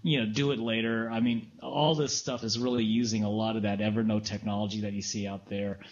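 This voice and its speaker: A man co-hosting a casual tech news chat, easygoing with quick interjections. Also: lowish voice, level tone, muffled recording.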